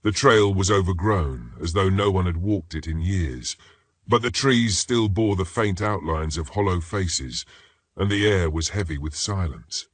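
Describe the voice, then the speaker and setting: A man reading first-person horror stories as a scripted narration, in a steady, ominous manner. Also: sits low, a little slow, husky, dry recording, studio quality.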